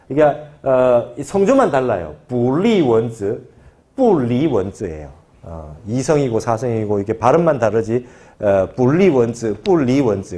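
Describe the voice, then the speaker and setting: Monk guy teaching scripture, mellow voice, bouncy intonation, keeps checking the class agrees. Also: mid-range voice. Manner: explanatory, repeats key phrases and asks the class for agreement. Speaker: Buddhist monk lecturer.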